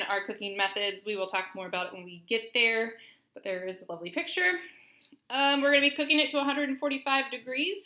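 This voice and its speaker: A woman's voice: on the high side, pushed and bright. A young woman, a nutrition student, chatting informally with lots of fillers as she cooks dinner at home and films it. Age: young adult. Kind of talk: casual cooking vlog with teaching. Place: home kitchen. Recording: echoey kitchen.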